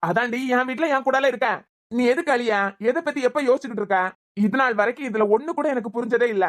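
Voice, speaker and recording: A woman with a Kanyakumari Tamil accent voicing a gruff, nagging husband in a cartoon serial, scolding and impatient. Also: on the high side, quick pace, close to an everyday voice.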